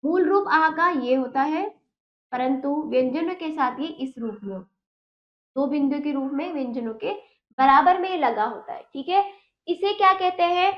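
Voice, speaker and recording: Woman teacher, high voice, slow and careful, repeats every word, roomy echo, dull lo-fi sound. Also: animated. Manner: slow drilling, repeats each word carefully with rising questions. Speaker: Hindi teacher. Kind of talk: children's lesson.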